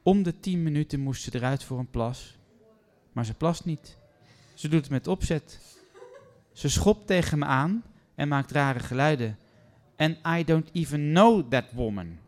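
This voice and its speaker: A man's voice: lowish voice, moderate pace, a little mellow, lightly acted. A man voicing a fretful, indignant woman hotel guest who complains about her roommate. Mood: complaining. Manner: indignant, pleading.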